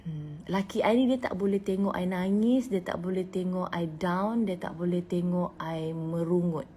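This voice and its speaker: A woman in her thirties with a Malaysian Malay accent, telling a personal story in a vlog, emotional and animated, dropping to hushed whispers and rising to loud bursts. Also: fairly low pitch, moderate pace, slight background noise. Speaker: singer.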